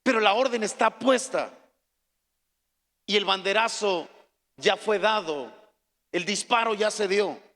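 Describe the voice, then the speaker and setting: A man preaching a sermon as pastor, swinging from soft, hushed pleading to loud, shouted calls to the congregation. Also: high voice, unhurried, long pauses, long reverb tail.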